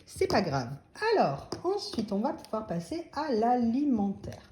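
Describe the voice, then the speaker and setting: A woman's voice: fairly high pitch, sing-song, a little slow. A middle-aged woman chatting casually about her shopping, hesitant and full of fillers, often laughing at herself. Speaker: vlogger. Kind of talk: casual haul vlog chat. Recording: echoey room with faint noise.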